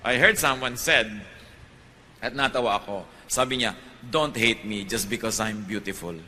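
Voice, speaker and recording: A man's voice: medium pitch, a little slow, sharp tone, long reverb tail, a little hiss or hum. A man with a Filipino accent, a priest preaching a sermon and mixing in English, rising emphatically when he warns. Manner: switches between Tagalog and English, rising emphatically on warnings.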